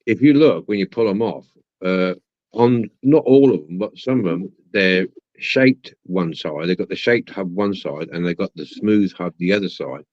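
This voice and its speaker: Low-voiced man, dull dry recording. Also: normal speed, darkish tone, no room sound. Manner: rambling, repeats himself. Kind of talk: casual chat.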